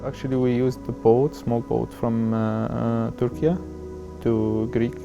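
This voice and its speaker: A man, talking haltingly in a documentary interview. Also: medium pitch, level tone, creaky, music in the background. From Syria. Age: 20s. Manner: halting, searching for words with many fillers.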